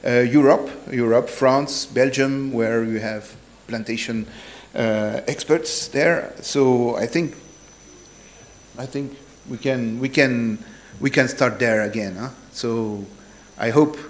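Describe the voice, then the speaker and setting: A man giving a partly improvised public speech, halting and often repeating his words. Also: mid-range voice, slight background noise. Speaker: seminar speaker.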